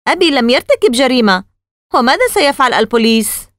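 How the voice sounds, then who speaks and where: A woman's voice: high voice, sing-song, quick pace, a bit bright, no room sound, clean studio sound, voice pushed up. A woman voicing a frightened young boy who asks anxious, pleading questions. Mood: worried.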